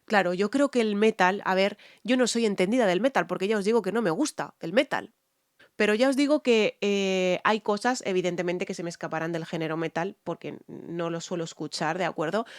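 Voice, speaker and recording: With a fairly low voice, this excited woman, a singer, breaks down another singer's technique while watching a music video. She keeps repeating phrases to stress them and joins in by humming and singing short lines. The studio recording is clean and echo-free.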